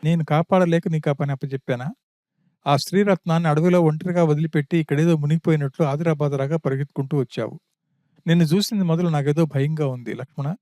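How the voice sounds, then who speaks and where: A man reading as a grieving prince, reproachful, fairly high voice, mellow tone, audiobook epic. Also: no echo, clean studio sound, natural voice.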